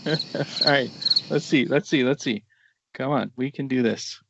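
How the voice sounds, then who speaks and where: A man's voice: mid-range voice, a little slow, creaky, a bit bright, no echo. Man, French Canadian accent, casual joking demo, lots of ums, dry muffled call audio. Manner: casual, joking, many fillers. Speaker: demo presenter. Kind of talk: live software demo on a video call. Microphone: video call mic.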